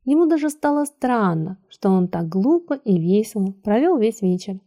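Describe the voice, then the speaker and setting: A woman narrating a classic story in a measured, even storytelling voice. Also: medium pitch. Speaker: audiobook narrator. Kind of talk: scripted literary narration.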